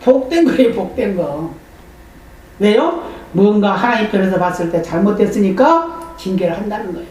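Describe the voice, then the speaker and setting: A man's voice: high-pitched, lively intonation, normal speed, a little mellow. A male pastor preaching a sermon in a church, telling a story with animation and voicing the people in it. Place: church sanctuary. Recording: very echoey hall, voice from far off.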